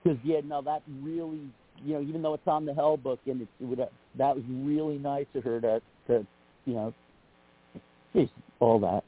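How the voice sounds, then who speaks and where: Husky rambling man calling a radio show. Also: mid-range voice, fairly even intonation, moderate pace. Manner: rambling, scattered, swears casually. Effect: heard over a phone line into a radio show. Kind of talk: casual call-in chat. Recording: tinny phone line.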